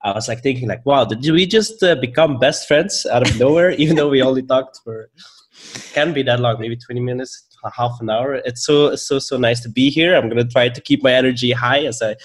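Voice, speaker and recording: A young Belgian man with a Belgian accent tells his story as a podcast guest in a casual interview. His medium-pitched voice moves fairly quickly, and he stays friendly, laughing often.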